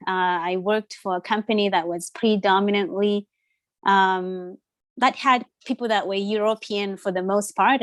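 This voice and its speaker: A woman's voice: mid-range voice, dry recording. A woman, a Ndebele speaker, talking as an interview guest in a reflective, hesitant way. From Zimbabwe. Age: 30s. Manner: reflective, hesitant with many fillers. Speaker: guest, social worker. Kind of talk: conversational interview.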